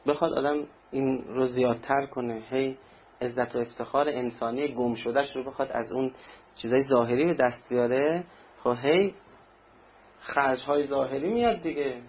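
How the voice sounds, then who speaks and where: A man's voice: medium pitch, a little hiss or hum. A man preaching a sermon in a conversational way, acting out little anecdotes. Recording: dull lo-fi recording with faint ambience.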